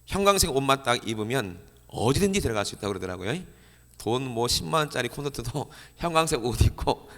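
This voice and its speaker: Male pastor preaching in a reverberant church hall, gravelly and bright, keeps asking the crowd questions. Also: medium pitch. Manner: animated, asks the congregation questions and answers them. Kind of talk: sermon.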